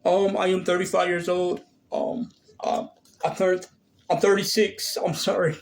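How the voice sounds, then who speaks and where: Hesitant man in his thirties, flat creaky voice. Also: sits high, a little slow. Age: 30s. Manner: hesitant, many fillers and restarts. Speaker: vlogger. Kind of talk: casual Q&A vlog.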